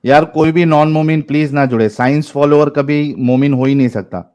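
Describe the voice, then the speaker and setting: A man's voice: fairly high pitch, mellow. A man from India hosting a live online debate, bossy and mocking as he questions callers. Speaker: debate host.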